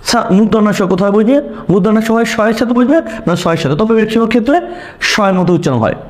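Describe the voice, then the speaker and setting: A man with a notably high voice teaches an online lesson. He repeats each point and keeps asking questions he then answers himself. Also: racing. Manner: repeats key points and asks rhetorical questions.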